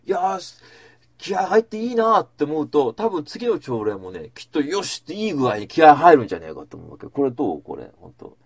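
Brief: male host, husky voice, very lively pitch, rambling storyteller in casual chat. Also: brisk, no room sound, studio quality. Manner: rambling storytelling with asides, acting out quotes.

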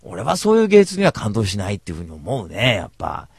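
Fast, animated man telling stories bluntly. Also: fairly low pitch, no echo. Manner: blunt, rambling, self-described cynic; slangy rough speech. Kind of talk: casual storytelling monologue.

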